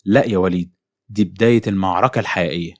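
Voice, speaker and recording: A man's voice: sits low, fast, voice pushed down. A man voicing a determined young man facing a curse. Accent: Egyptian Arabic.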